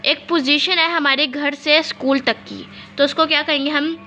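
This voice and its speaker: A woman teacher giving a physics lesson, reading definitions out slowly and asking and answering her own questions. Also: high voice, steady tone, pushed and bright, soft background music. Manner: explains in mixed Urdu-English, reads definitions slowly, asks and answers own questions.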